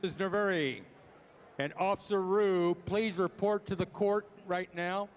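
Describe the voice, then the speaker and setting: A man making halftime announcements over a PA system in a gym, calling people to the court and introducing the dancers in a drawn-out announcer delivery. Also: sits high, steady tone. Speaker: arena PA announcer. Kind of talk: halftime public address announcement.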